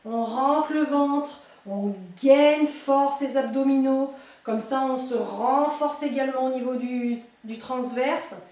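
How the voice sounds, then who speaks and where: Female fitness coach, high voice, very echoey room, mic set back, counts reps and cues breathing. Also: slow, a little mellow, recorded from a distance. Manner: encouraging, light teasing. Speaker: fitness instructor. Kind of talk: guided chair exercise class.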